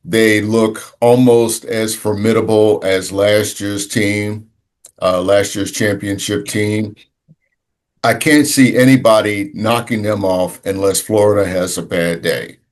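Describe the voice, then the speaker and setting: Male sports podcast co-host, voice on the low side, casual and halting, often restarts mid-sentence. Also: steady tone. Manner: halting, searching for words, many restarts.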